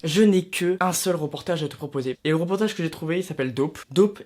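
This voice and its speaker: A young man with a French accent speaks casually to camera, teasing himself between recommendations. His voice sits a little high for a man. He keeps it loose and conversational, as if speaking to a friend. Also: darkish tone, a little hiss or hum. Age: young adult. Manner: chatty, addresses viewer as tu, self-mocking asides. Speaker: YouTuber recommending films and series. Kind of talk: casual vlog talking to camera.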